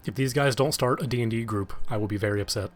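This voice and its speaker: A man's voice: mid-range voice, fast, soft background music, natural voice. An actor playing a playful young man gamer in a game who jokes and teases his friends. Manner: jokey, teasing.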